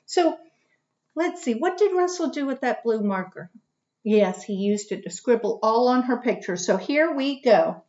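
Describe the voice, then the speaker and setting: A woman leads a children's read-aloud lesson and stops often to pose questions to her young listeners. Her voice sits slightly high, and the recording sounds muffled and lo-fi. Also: unhurried. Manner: animated, asks questions and answers them herself. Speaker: teacher reading aloud. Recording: dull lo-fi recording.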